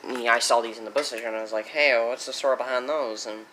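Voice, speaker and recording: A teenage boy showing off mowers in a casual vlog, rambling and correcting himself, getting excited as he goes. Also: mid-range voice, fast, background noise. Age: teens. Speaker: small engine vlogger. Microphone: handheld phone.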